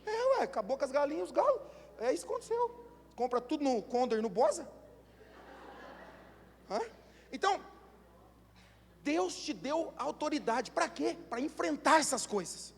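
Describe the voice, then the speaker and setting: A Brazilian man preaching a sermon as pastor, telling animated stories and building up to shouts. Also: very high voice, moderate pace, gravelly, pauses often, a little hiss or hum. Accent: Brazilian Portuguese. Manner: animated storytelling, acts out voices, builds to shouting. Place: church hall. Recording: long church hall reverb.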